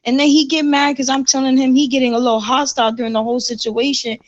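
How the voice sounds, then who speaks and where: A woman's voice: sits high, little pitch movement, fast, dull audio. A woman in roleplay voice chat, heatedly retelling an argument with plenty of profanity.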